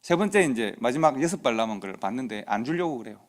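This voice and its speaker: A man's voice: medium pitch, lively intonation, quick pace. A middle-aged man preaching in a church, telling a personal story in a conversational way and acting out the dialogue. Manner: conversational anecdote with quoted dialogue. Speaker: pastor. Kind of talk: sermon storytelling. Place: church sanctuary.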